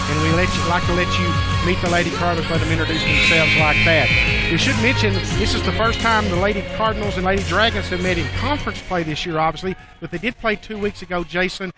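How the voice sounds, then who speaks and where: A man calling a college volleyball broadcast from courtside, upbeat and informative. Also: high-pitched. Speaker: play-by-play broadcaster. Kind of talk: sports commentary. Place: courtside in a gym.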